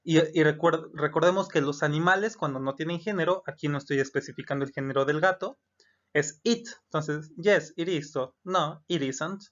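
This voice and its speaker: A man teaching grammar at a steady, patient pace, going over each example twice. His voice sits a little higher than most men's. The recording is dull and lo-fi. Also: normal speed. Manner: patient, repeats examples with Spanish translations. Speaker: English teacher. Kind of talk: explaining grammar to students.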